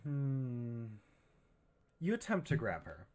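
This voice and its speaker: A man narrating a tabletop horror game as game master, in a measured, suspenseful way. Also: mid-range voice, sing-song, a little mellow.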